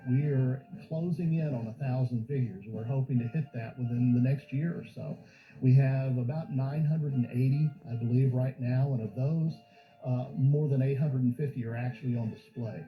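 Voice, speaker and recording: Speaking at a normal speed in a mid-range voice, this man acts as a museum guide for an informal documentary interview. He explains and shares stories while music plays behind the muffled audio.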